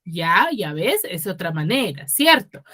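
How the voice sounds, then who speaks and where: This secondary school teacher from Peru, speaking Spanish with a Huaraz accent, holds a lesson over a video call. Her voice sits low and sounds very animated, sharp and slightly breathy, moving at a measured pace. Tag questions keep her students engaged, and she addresses each one by name.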